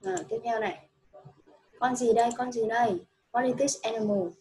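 A woman's voice: fairly high pitch, normal speed, warm tone, poor audio. A woman teaching a child English, patient and coaxing, repeating each answer back. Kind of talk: one-on-one children's English lesson.

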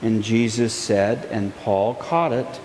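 A man in his forties, a pastor preaching a sermon from the pulpit in slow, emphatic phrases. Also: fairly low pitch, steady tone, darkish tone. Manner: earnest, gestures a lot, slow emphatic phrases. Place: church sanctuary, indoors. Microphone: pulpit mic, far camera. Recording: echoey sanctuary with long reverb, faint hiss.

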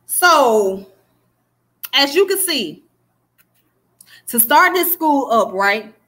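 Speaking very slowly in a high, sing-song voice that sounds pushed and bright, this Southern US woman in her thirties preaches history to her livestream audience. She's casual yet emphatic, repeatedly asking "okay?" to check in with viewers. A close webcam captures her in a small room indoors.

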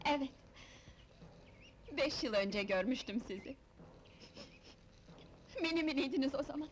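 An actress playing a gentle, tearful young mother in a 1970s film drama. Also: high voice, animated, measured pace, noisy background. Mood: tender. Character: tender young mother returned home. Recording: old film soundtrack with score music. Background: film score music.

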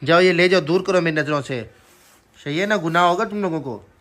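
Brisk and fairly bright, this man's slightly high voice carries a casual family vlog recorded around shops and a market. He chats to viewers as guys and playfully teases the children accompanying him.

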